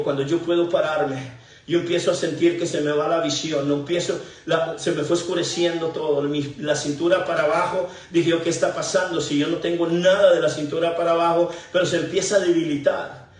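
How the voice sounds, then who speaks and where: A middle-aged pastor gives a halting testimony sermon, often repeating his words. His voice sits high for a man. It is heard from far off in a very echoey church. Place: church sanctuary.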